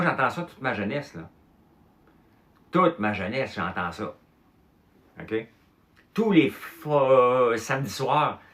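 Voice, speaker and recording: A Québécois man in his fifties or older, telling childhood stories in casual chat, animated, with mild swearing and filler words. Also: fairly low pitch. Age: 50s or older. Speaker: host.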